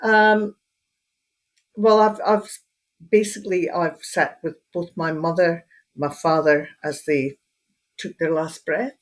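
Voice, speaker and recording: An older woman from Edinburgh, whose Scottish accent now carries an Australian edge, speaks as a guest in a casual interview about her work as a hypnotherapist and end-of-life doula. She talks calmly with pauses, in a voice on the low side.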